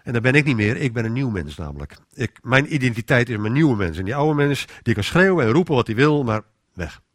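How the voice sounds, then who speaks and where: A man's voice: medium pitch, very animated, a little fast, dry recording, clean studio sound. A man giving an informal sermon in a conversational way, often restarting his sentences and acting out inner voices. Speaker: preacher.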